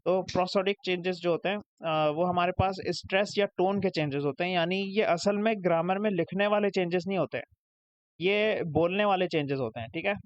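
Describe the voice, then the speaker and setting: Tutoring English in a recorded slide lecture, a high-voiced man with a Pakistani Urdu accent breaks things down step by step, checking "ठीक है?" after each point. He speaks a little fast, and the audio is dry with no echo, dull and lo-fi.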